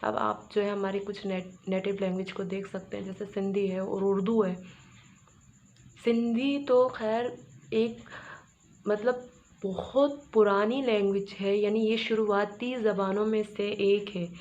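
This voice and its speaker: A woman's voice: medium pitch, steady tone, measured pace, a little mellow. A woman from Pakistan, teaching an English grammar lesson, repeating words and asking and answering her own questions. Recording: dull, slightly noisy recording.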